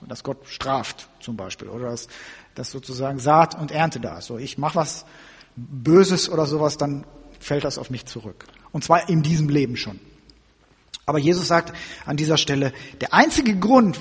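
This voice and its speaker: A man preaching a sermon, reading scripture aloud with expression and then explaining it in a relaxed, informal way. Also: fairly high pitch, husky, in a large hall.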